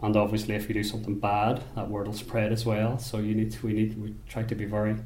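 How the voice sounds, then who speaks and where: A man from Belfast with a Northern Irish accent, a basket maker talking about his craft in an unhurried, thoughtful way, often restarting his sentences. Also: on the low side, completely flat delivery, a little mellow, reverberant, slight background noise. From Belfast, Northern Ireland. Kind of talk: interview monologue. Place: rural workshop or home.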